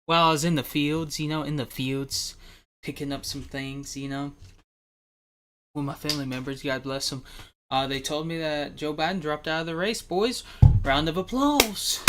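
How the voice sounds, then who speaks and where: A young man chats loosely on his livestream in a voice of ordinary middle pitch. He rambles, keeps calling his viewers "boys", and stumbles through fillers and restarts. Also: background noise. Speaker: livestream host. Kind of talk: casual livestream chat.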